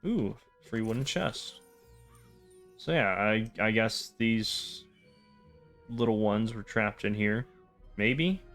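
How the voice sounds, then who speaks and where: A man hosting a game playthrough with casual, wry, deadpan commentary and rambling asides. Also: fairly low pitch, slow pace, long pauses. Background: game music.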